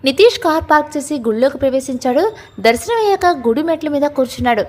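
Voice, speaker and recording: High-voiced woman storyteller. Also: fast. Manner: plain, even storytelling with acted dialogue. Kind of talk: scripted story narration.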